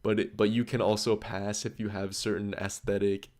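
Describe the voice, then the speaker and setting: Rambling young man, low voice. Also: little pitch movement, normal speed, a little mellow. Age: 20s. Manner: loose and chatty, many filler "like"s, jumps between stories. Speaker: study streamer. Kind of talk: casual rambling chat on a livestream.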